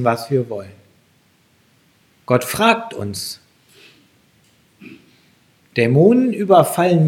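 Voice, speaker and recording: A man preaching a sermon, slow and emphatic, his voice lifting sharply on the key phrases. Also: on the high side, a little mellow.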